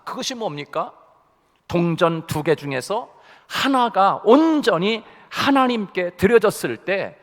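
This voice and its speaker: A man preaches from the pulpit with a high, animated voice that swoops up and down as he drives each point home. He repeats key phrases for weight, and his words ring out with a long church echo. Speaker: pastor. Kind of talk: Sunday sermon. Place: church sanctuary.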